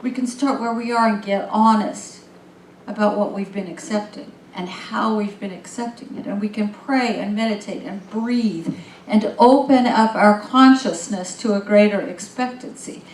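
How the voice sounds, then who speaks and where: A woman minister giving a sermon, calm and gently guiding, warming into lively storytelling. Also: medium pitch, normal speed, recorded from a distance, a little hiss or hum. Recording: echoey room.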